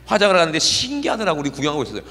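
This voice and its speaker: Pastor preaching in a reverberant church. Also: male voice, on the high side, huge pitch swings, rapid-fire, bright, forceful tone. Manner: conversational, keeps checking in with the congregation. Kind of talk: sermon. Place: church sanctuary.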